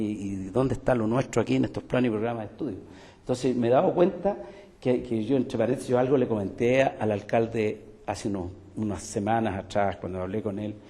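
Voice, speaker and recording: An older man with a Chilean Spanish accent speaks to an audience in a cultural center hall. His voice is dark and mellow, and his delivery is emphatic, with frequent rhetorical questions and asides. Long reverb from the hall trails behind his words. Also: on the low side. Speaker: guest speaker, music teacher and folklorist. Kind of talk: public talk to an audience.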